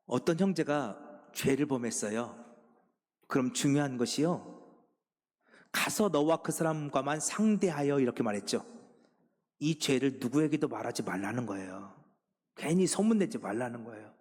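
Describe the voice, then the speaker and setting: A man preaching a sermon as senior pastor, swinging from hushed pleading to loud, emphatic exhortation. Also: medium pitch, animated, moderate pace, long pauses, breathy edge. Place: church sanctuary. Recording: long reverb of a church sanctuary.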